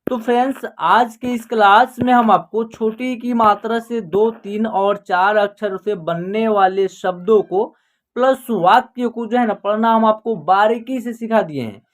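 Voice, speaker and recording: A teacher giving an online Hindi reading lesson for beginners, spelling words out letter by letter and then saying each whole word slowly and drawn out. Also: mid-range voice, steady tone. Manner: patient, repeats each sentence in pieces.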